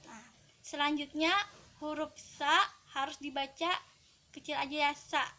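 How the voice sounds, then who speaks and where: A woman's voice: sits high, little pitch movement, unhurried, fairly bright tone. A woman teaching young children to recite, patiently modelling each sound for them to repeat. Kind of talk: Quran recitation lesson.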